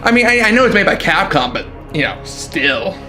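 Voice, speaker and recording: A man's voice: a little high, big pitch swings, normal speed, pushed and bright. A man giving a comedic video game review in a casual, jokey way with frequent swearing. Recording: music playing behind the voice.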